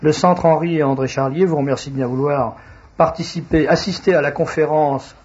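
A man with a husky, slightly rough voice hosts a radio talk show, reading out announcements and stopping often to hesitate. The recording is dull and lo-fi. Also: a little high, steady tone, a little mellow. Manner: halting, frequent hesitations. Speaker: radio host.

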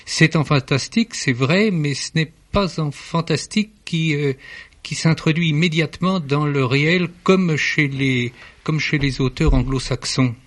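A man's voice: fairly high pitch, a little slow. Formal guy on a radio panel, critic, keeps stopping and restarting, studio mic. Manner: formal, hesitant, many fillers and restarts. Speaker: literary critic guest. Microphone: studio microphone.

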